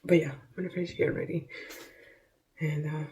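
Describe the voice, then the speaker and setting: Mellow, low-voiced woman vlogging candidly. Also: fairly even intonation, husky. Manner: halting, self-interrupting, candid. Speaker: vlogger recording herself. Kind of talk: casual confessional vlog talk.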